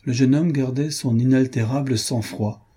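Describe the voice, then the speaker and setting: Male audiobook narrator, very dark timbre, slightly husky, measured storytelling. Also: mid-range voice, fairly even intonation.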